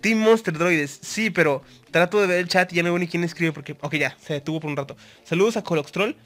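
A man's voice: sits high, brisk, fairly bright tone. A man with a Mexican accent giving live gameplay commentary, chatty and constantly greeting viewers. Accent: Mexican Spanish. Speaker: gaming YouTuber.

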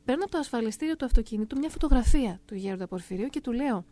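A middle-aged woman calmly and earnestly telling a first-person story aloud. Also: a little high. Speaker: narrator of a personal testimony.

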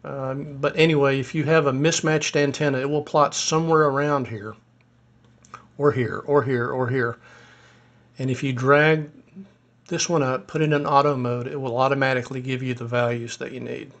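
A man giving a casual screen-recorded tutorial as a ham radio hobbyist, explaining step by step in a relaxed way with a few fillers, his voice a little hoarse. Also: medium pitch, moderate pace, highs cut off.

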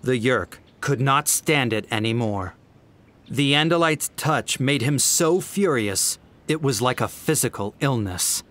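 Male narrator, audiobook, very slow pace, mid pitch, measured. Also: lively intonation, a bit bright.

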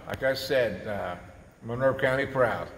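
A man's voice: mid-range voice, vocal fry, fairly bright tone. A man in his fifties, a school coach, chatting enthusiastically with repeated words and fillers. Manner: enthusiastic, repetitive, halting with fillers. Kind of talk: casual on-camera chat. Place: large school gymnasium. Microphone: camera at a distance. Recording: roomy gym with long reverb, faint noise.

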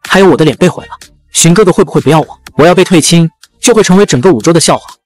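A male narrator voicing a spoiled young princess, whiny and desperate, speaking fast. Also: fairly low pitch, lively intonation. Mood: anguished.

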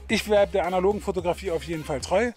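A man's voice: high voice, fast talker, darkish tone, soft background music. A middle-aged man from Berlin talking casually to camera as a photography host, chatty and hesitant with many fillers. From Berlin, Germany.

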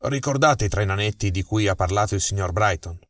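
A man voicing an agitated, irritable police inspector in an audiobook mystery, exclaiming in a lowered voice. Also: brisk, no echo, clean studio sound, close to an everyday voice. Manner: flustered, exclaiming. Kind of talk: audiobook dialogue.

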